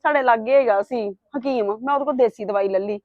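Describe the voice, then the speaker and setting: A woman's voice: on the high side, brisk, no room sound, lightly acted. A middle-aged woman acting a mother who defends herself to her son-in-law in a family drama. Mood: defensive. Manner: defensive, pleading. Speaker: wife's mother. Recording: dull dry sound.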